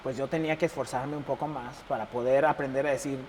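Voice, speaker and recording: A young Mexican man with a Mexican accent, chatting casually as an interview guest and telling stories with lively acted-out dialogue. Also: medium pitch, fast talker. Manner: animated, acts out quoted dialogue, laughs often. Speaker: embassy chef, interview guest. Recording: reverberant room with faint noise.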